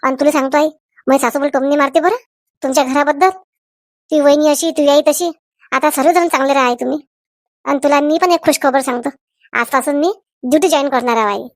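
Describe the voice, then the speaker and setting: A woman's voice: high voice, steady tone, a little fast, pauses often, no echo, clean studio sound. A woman voicing a cheerful young married daughter in a cartoon, talking eagerly.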